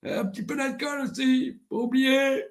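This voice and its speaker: A man voicing a vulgar, rambling old grandfather in a comedy sketch, often shouting. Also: very high-pitched, level tone, normal speed. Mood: crude rambling. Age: older. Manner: rambling, foul-mouthed, bursts into shouts.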